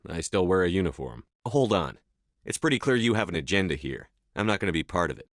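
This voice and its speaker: Video game military commander: low male voice, steadfast, clipped and formal, dry close sound. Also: very animated, fast, no echo. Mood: measured, earnest, then firm, indignant. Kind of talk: video game dialogue lines.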